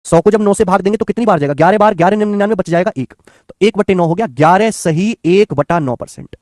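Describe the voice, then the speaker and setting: A man's voice: high-pitched, fast, a little mellow, no echo. A man teaches math in an exam-prep lecture. He coaxes his students, calling them children and friends, and goes over each step again and again. The sound is close and dry. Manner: coaxing, repetitive, addresses students as children and friends.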